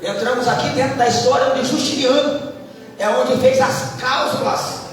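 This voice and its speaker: A man from Brazil preaching a fervent sermon in a church, his voice climbing into high shouts. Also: steady tone, moderate pace. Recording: echoey hall, distant mic, music behind.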